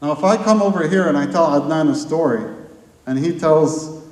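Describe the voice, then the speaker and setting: A man's voice: fairly high pitch, moderate pace. A man giving a live conference talk to an audience, asking rhetorical questions and building long repeated lists. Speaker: conference speaker. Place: large hall. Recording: echoey hall from far off.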